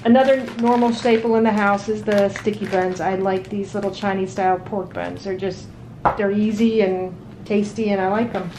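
A woman chatting casually at home while showing off her weekly grocery haul, relaxed and full of ums and restarts. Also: mid-range voice, moderate pace, background noise. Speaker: vlogger. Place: home dining room at a table.

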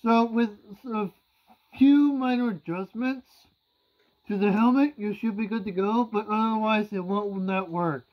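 A man's voice: high-pitched, unhurried. A young man speaking through a gas mask, giving a casual gear test as a vlogger in a small room. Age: young adult. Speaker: vlogger testing military gear. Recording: muffled, slightly dull home recording.

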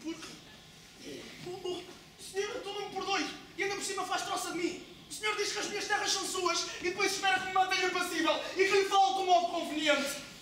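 A woman's voice: very high-pitched, fairly even intonation, fast talker, a bit bright. Woman playing an agitated hypochondriac young suitor. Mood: indignant. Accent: European Portuguese. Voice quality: agitated, quarrelsome, complaining of palpitations. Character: nervous hypochondriac young male landowner suitor. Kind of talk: amateur stage play. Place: stage in a hall. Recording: echoey hall from far off, noisy.

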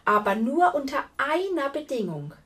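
A woman's voice: high voice, sing-song, normal speed, voice pushed up. Frida, a fearless bold knight woman, as a woman plays her. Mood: proud. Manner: loud and commanding. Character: fearless young female knight, bold and commanding.

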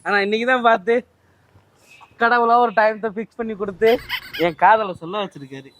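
A man's voice: sits high, a little fast, a bit bright, dull audio. A young man doing a street prank, pushily pleading and calling after a woman outdoors. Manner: pushy, wheedling, keeps calling out to her.

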